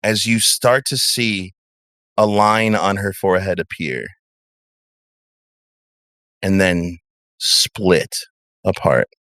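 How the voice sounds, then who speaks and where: A man's voice: deep voice, slow, long pauses, sharp tone, no room sound, clean studio sound. A man narrating a tabletop game as game master, describing scenes vividly and dramatically and swearing freely.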